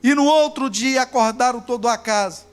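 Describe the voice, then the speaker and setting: High-voiced Brazilian male preacher. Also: normal speed, clean tone, faint music behind. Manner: emphatic, repetitive preaching. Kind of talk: sermon storytelling. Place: church service.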